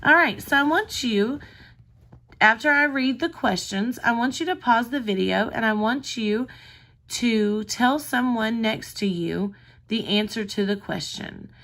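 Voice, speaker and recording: Slow-paced woman teaching reading to small children. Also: a little high, a bit bright. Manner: careful enunciation, sounding out words. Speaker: kindergarten teacher. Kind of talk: recorded reading lesson for young children.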